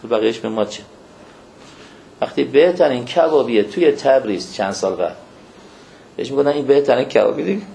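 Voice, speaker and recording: A man's voice: medium pitch, gravelly, long pauses, a little hiss or hum, low-quality recording. A man giving an informal religious lecture to believers, telling stories. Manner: animated storytelling, addresses listeners as believers.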